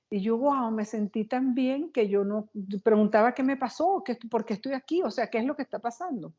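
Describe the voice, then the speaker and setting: A woman being interviewed as a guest, telling a personal story in an animated, quick, excitable way. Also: a little high, highs cut off.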